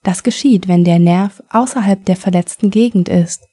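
A woman reading the lines of a calm male surgeon who explains treatment in a measured way. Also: medium pitch, dry recording, studio quality, natural voice.

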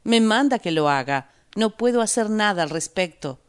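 A woman's voice: medium pitch, expressive, moderate pace, clean tone, voice pushed up, natural voice. Woman reading as a defensive male electrician. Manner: defensive, shouting. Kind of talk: reading a story aloud for learners.

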